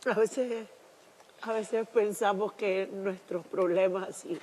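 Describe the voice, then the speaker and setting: A woman from Cuba, a reality show contestant speaking emotionally by a campfire, halting and repeating words, near tears. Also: medium pitch, steady tone, darkish tone, a little hiss or hum. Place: outdoors at a campfire at night.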